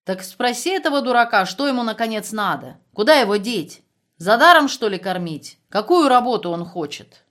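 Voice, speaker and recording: A woman's voice: a little high, lively intonation, moderate pace, a bit bright, pitched above the performer's own voice. A woman voicing a harsh Russian camp commander who bellows contemptuous insults. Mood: furious scorn.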